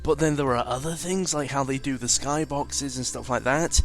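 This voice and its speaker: A gaming video commentator talks through a game at a moderate pace in a mid-range voice, with faint music in the background. His commentary is casual, rambling and sweary, and he often corrects himself as he goes.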